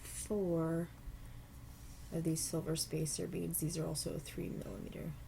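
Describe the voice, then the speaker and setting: A woman with a cold speaks in a low, gravelly, stuffy voice as she takes viewers step by step through making earrings at her home craft table. Her casual delivery is unhurried and relaxed, broken by occasional apologies, over a faint background hiss.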